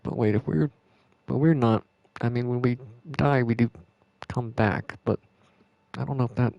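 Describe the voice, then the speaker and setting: A man's voice: medium pitch, normal speed, gravelly, darkish tone, no room sound, dull audio. A man streaming a game, musing on the story in a rambling, hesitant way with frequent chuckles. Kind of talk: casual gameplay commentary.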